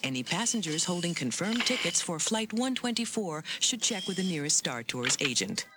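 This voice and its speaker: A woman voicing a calm spaceport announcer who reads gate changes over a PA system in a measured, formal way. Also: fairly low pitch, heavy background noise. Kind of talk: scripted public announcement. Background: loud music.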